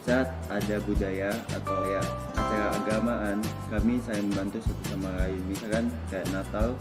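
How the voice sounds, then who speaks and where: A man's voice: lowish voice, level tone, moderate pace, over loud music. A young man from Pontianak, a student, giving a casual opinion, hesitant and restarting words. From Pontianak, Indonesia. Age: young adult.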